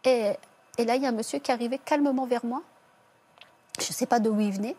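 Interviewee, female, husky higher voice; subdued, halting testimony full of restarts. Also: mellow. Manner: halting, with many restarts and self-corrections. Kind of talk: personal testimony.

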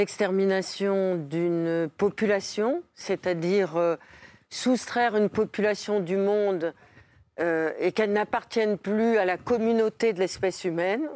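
A woman guest in a studio debate, speaking in a measured, reflective way. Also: fairly low pitch, darkish tone, dry recording. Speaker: guest commentator.

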